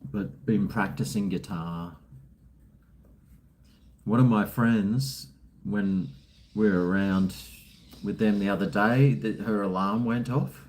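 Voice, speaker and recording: A man's voice: on the low side, takes it slowly, long pauses, darkish tone, a little hiss or hum. An Australian man chatting casually on a live stream in a laid-back, blokey, colloquial way, responding to viewers.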